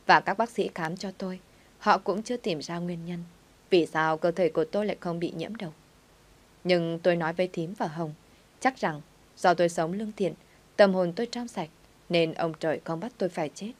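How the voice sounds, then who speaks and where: A woman narrating a dramatic story in the first person with an even, steady reading. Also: on the low side, normal speed.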